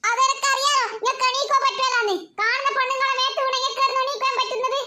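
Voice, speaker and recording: A woman's voice: very high voice, level tone, very fast, heavy background noise. A woman doing a nagging cartoon wife. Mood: scolding. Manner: nagging, scolding. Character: scolding hot-tempered wife. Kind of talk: cartoon voice acting.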